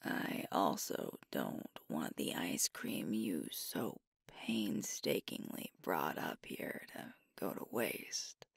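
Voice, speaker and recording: In an intimate ASMR roleplay, a woman voices an affectionate, teasing werewolf girlfriend, lingering tenderly over her words with playful pauses. Her soft, breathy, whispery voice is very low and full of creak, yet exaggerated with big pitch swings. It's recorded close to the microphone, dry and without echo.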